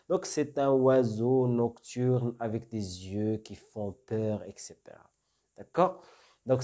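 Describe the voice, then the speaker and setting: A man's voice: medium pitch, mellow, breathy edge. A man teaching French vocabulary in a lesson, explaining step by step and often checking with "d'accord?". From North Africa. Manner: explains slowly with repeated questions and "d'accord?". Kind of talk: classroom-style lesson.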